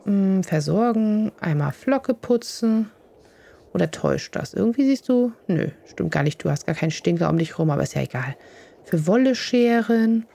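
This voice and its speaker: Mellow woman cooing over game animals. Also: mid-range voice, gravelly. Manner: coos fondly at her game animals. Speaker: let's play host. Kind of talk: casual gaming commentary.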